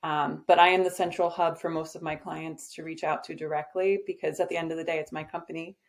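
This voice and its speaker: Her voice is low-pitched, brisk and fairly flat in pitch as she chats about the agency she owns. It's a relaxed podcast interview where she's confident and to the point, though "um" comes up often.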